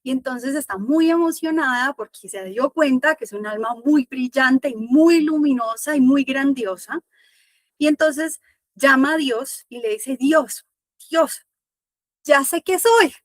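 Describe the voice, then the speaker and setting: A woman spiritual teacher telling a parable in an online masterclass, slow and reflective, repeating phrases for emphasis. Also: high-pitched, dry recording.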